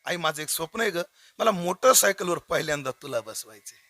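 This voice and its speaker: A man voicing an eager teenage boy who pleads with his parents in a high voice. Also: expressive, a little fast, bright, forceful tone, no echo. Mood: pleading.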